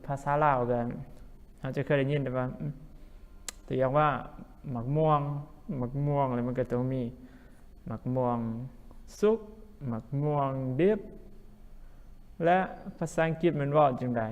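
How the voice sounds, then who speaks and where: A man's voice: medium pitch, fairly even intonation, measured pace, long pauses, darkish tone, smooth. A man teaching English vocabulary as a language teacher, who repeats each word several times. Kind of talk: vocabulary lesson. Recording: long hall reverb.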